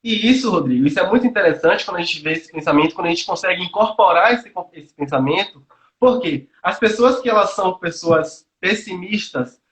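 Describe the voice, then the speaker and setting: Earnestly sharing his views on a video call, a young man from Salvador, Brazil, who studies nutrition, thinks aloud with many fillers and restarts. His voice sits high and a bit bright, heard through roomy, echoey audio.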